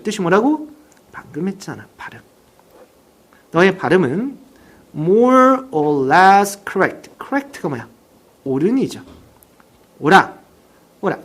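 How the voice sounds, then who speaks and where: A teacher giving a recorded vocabulary lesson, reading example sentences slowly and having listeners repeat each word. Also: mid-range voice. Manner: reads example sentences slowly, then drills words for repetition; explains in plain, chatty teacher talk.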